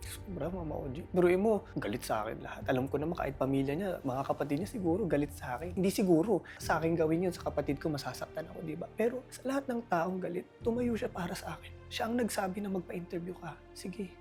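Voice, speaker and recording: A man's voice: high-pitched, fast talker, hardly any pauses, darkish tone, faint music behind. A man as an interview guest, speaking earnestly and openly in an emotional confessional interview. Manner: earnest, confessional, pours out feelings.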